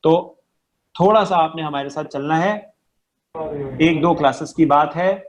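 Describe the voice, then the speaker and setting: A man teaching an online Arabic recitation class, patiently drilling letter sounds over and over and often checking that his students follow. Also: fairly high pitch. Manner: patient, drills sounds by repeating them, keeps checking understanding.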